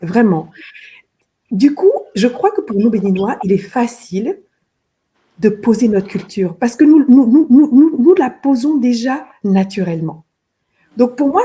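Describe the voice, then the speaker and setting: She's a middle-aged Beninese fashion designer, answering interview questions earnestly and repeating words now and then as she gropes for them. Medium pitch, dark, husky.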